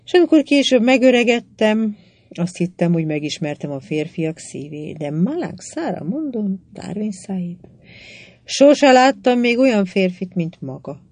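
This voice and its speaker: A woman's voice: mid-range voice, very animated, darkish tone, dry recording, pitched above the performer's own voice. A woman reading an audiobook, voicing a proud, scheming Indian queen who speaks boldly and frankly, teasing and passionate by turns. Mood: pleading. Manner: passionate, teasing, then pleading.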